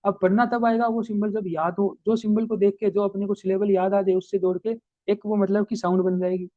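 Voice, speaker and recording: A man giving a history lesson as a teacher, explaining in Hindi mixed with English terms and reading English points slowly. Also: high voice, little pitch movement, dry recording, phone-quality sound. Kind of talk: recorded class lecture.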